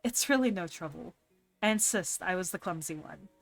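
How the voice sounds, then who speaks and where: A woman's voice: lowish voice, expressive, normal speed, faint music behind. A woman playing a giggly friendly neighbor. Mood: cheerful. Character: cheerful, giggly young neighbor.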